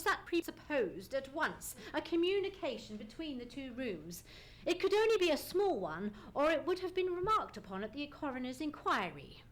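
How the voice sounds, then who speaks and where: In a live stage recording of an old-time radio play, an actor with a high voice portrays a gentleman detective. He sounds commanding and precise, with formal, emphatic diction.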